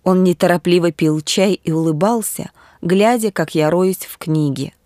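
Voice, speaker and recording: A woman reading a novel aloud as an audiobook narrator, in measured, steady storytelling. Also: on the low side, no room sound, studio quality.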